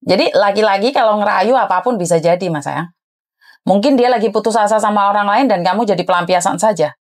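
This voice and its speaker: A woman's voice: mid-range voice, fast talker. Blunt woman advice host. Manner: frank, blunt, lecturing advice. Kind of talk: advice chat.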